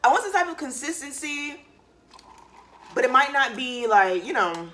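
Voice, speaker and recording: A young woman vlogging to camera, talking in a candid, relaxed way with loose slang and lots of fillers while she eats. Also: high-pitched, normal speed. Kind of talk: casual chat to camera.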